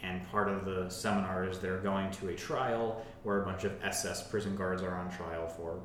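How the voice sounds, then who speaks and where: A man hosting a casual film podcast, summarizing a plot and filling his talk with "like" and "um". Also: fairly bright tone. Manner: filler-heavy, says "like" constantly. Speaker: podcast host. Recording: very echoey room, faint rumble.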